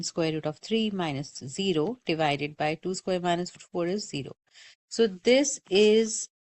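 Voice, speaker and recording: A woman teaching calculus in a recorded lecture, with a slightly low voice. She is patient and methodical, repeats her warnings and checks in with students as she goes. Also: a little mellow. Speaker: math teacher.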